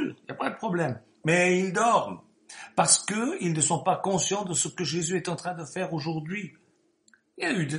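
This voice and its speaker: A man delivers a sermon in a talky, rambling way, repeating his points and then swelling into emphatic bursts. His voice sits a bit high for a man. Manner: conversational, repetitive asides, rising emphatic bursts. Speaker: preacher.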